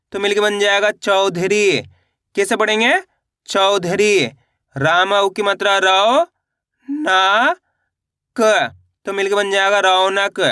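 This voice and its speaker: A young man teaching reading step by step, patiently asking questions and answering them himself, sounding out each letter slowly before saying the whole word. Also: sits high, bright, forceful tone, clear, resonant tone, dry recording, clean studio sound. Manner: patient, repetitive, asks and answers own questions.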